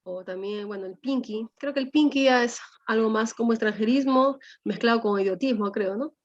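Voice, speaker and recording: A woman's voice: on the high side, moderate pace. A woman teacher, explaining a language lesson to her class and often checking in with her students through tag questions. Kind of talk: class lecture. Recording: dull lo-fi sound.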